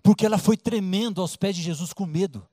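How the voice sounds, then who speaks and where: A man preaching a sermon with a Brazilian Portuguese accent, telling a story in a colloquial, lively way and acting out the voices. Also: high voice, fairly quick, dry recording, clean studio sound. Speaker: pastor.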